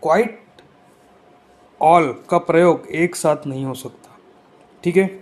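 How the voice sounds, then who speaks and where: A man's voice: on the high side, slow. A man teaching an exam-prep grammar lesson, explaining rules step by step and often checking that his students follow.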